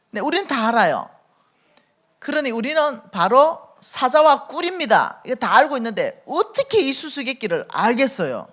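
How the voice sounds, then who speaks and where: A woman's voice: on the high side, a bit bright. A middle-aged woman, preaching a sermon as a church elder and acting out the quoted speech as she tells the story.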